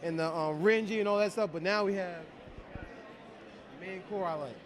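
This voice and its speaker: A man co-hosting convention interviews, excitable and quick to laugh, often restarting his sentences. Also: high-pitched. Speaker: co-host, interviewer. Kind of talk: casual interview chat. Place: outdoors at a fan convention.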